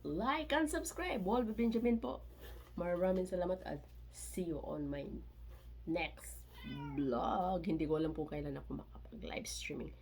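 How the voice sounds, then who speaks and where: A woman unboxing a parcel in a casual vlog, chatty and excitable, with little squeals of delight and mixed English phrases. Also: lowish voice, moderate pace, gravelly, slightly rough. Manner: excitable, squeals and laughs between items; mixes Tagalog and English, chatty. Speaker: vlogger.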